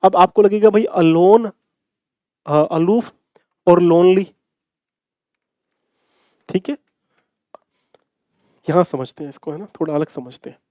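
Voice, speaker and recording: A man's voice: high-pitched, slow, pauses often, dry recording, muffled recording. A man teaching an exam-prep English grammar lesson, repeating key phrases and answering his own questions. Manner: calls students "bhai".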